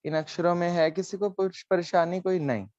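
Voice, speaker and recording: A man leads a live online class, explaining each letter patiently and checking that students follow. His voice sits a touch high and sounds close and dry. The call audio comes through dull and lo-fi. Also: steady tone, moderate pace, a little mellow, dry recording. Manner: patient, coaxing, mixes in English phrases. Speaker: online language teacher.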